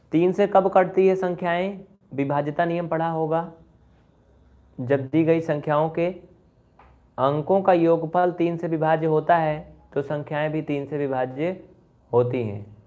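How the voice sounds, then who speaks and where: A man's voice: a little high, a little mellow. A man gives a chatty online maths lesson. He scolds his students a little and goes over each step again. The sound is thin and phone-like. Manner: chatty, scolding and repeating steps. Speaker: maths teacher.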